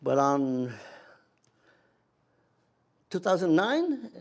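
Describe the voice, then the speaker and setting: An elderly American man, in his eighties or older, reminiscing as an old war veteran in animated anecdotes, with halting restarts and acted-out dialogue. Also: fairly high pitch. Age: 80s or older.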